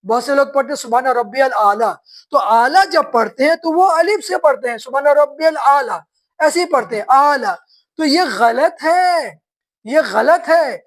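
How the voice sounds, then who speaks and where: A woman teaching beginners to read, spelling words slowly syllable by syllable and quizzing her students. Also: high-pitched. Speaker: Quran reading teacher.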